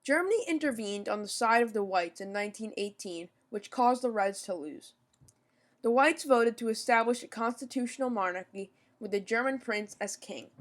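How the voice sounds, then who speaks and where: A young podcast host reads a scripted informational rundown in a mid-range voice, occasionally tripping over foreign names and saying sorry.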